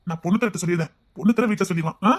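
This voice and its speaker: A shy, devoted young man, acted by a woman, speaks with a Tirunelveli accent in a husky, breathy voice. He stammers and hesitates, apologizing softly. It is web-series drama acting, tender and earnest. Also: on the low side, rapid-fire, lightly acted. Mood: joyful, teasing. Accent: Tirunelveli Tamil.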